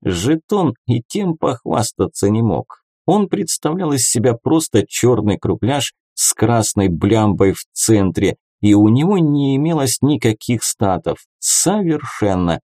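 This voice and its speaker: A man reads a fantasy novel aloud in the first person with an ironic, chatty delivery. His voice is mellow and dark, and his pitch moves a lot. It is recorded close and dry. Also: very animated, measured pace, few pauses, no echo. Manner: ironic, conversational storytelling. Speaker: audiobook narrator. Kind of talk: first-person audiobook narration.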